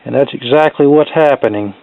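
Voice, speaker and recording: Fairly quick and gravelly, a middle-aged man's mid-range voice carries a casual, folksy, plainspoken walkthrough of a hands-on repair. He's a hobbyist electronics repairman presenting a video in his workshop. Recorded close and dry with no room sound, the audio is tinny and narrow like a phone.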